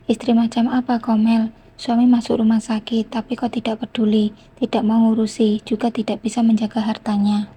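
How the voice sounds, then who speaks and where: A woman reading the lines of a demanding man who pushes his brother's ex-wife around, in a flat, husky voice. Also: fairly high pitch, fairly quick. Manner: demanding, reproachful. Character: man, older brother-in-law, demanding and pushy.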